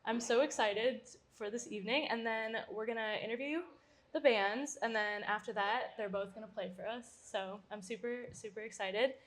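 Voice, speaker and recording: A woman's voice: a little high, steady tone, normal speed. A young woman hosting a live interview at a bar event, bubbly and enthusiastic. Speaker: host. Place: art bar event space.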